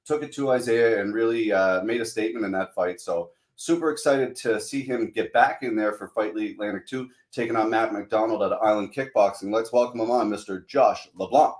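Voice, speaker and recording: A man's voice: lowish voice, brisk, few pauses. A hungover man hosts a podcast in a casual, hesitant way full of uhs. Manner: informal, hesitant, frequent uhs. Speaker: podcast host. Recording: roomy, echoing sound.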